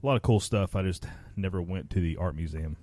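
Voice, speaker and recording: A laid-back man talks through things in a casual podcast chat. His voice is low and mellow. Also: a little fast, no room sound.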